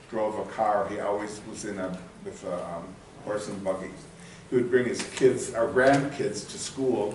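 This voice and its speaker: A man's voice: lowish voice, slight background noise. Rambling man in an echoey hall. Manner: rambling, searches for words with many fillers. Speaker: local history presenter. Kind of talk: casual public talk. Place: meeting hall. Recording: echoey room from far off.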